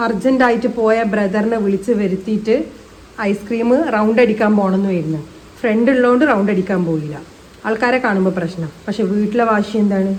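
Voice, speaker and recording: A woman's voice: slight background noise, low-quality recording. Young mother quizzing her small daughter. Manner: coaxing, teasing questions to a small child; quieter, lower aside narration to viewers. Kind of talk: casual family vlog chat.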